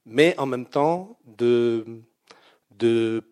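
A man, the book's author, answering an interview question hesitantly, with many pauses and restarts. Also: medium pitch, warm tone. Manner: hesitant, lots of ums and restarts.

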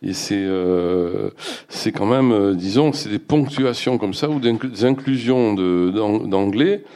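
A man's voice: lowish voice, animated, slow, mellow. A man, an author, talking hesitantly in an interview and reading expressively from his own book into a handheld mic. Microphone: handheld microphone.

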